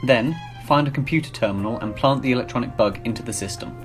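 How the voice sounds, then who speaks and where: A man's voice: mid-range voice, fast talker, natural voice. A man playing an exacting professor who directs a covert spy mission in formal, precise briefings. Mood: serious, businesslike. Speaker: mission controller. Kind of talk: scripted dramatic acting in a spy film. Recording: background music under the voice.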